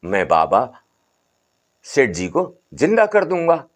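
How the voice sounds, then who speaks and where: A man's voice: medium pitch, wildly swooping pitch, slow pace, heavily acted. A man voicing a stern, wily old holy man who keeps repeating his commands. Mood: insistent.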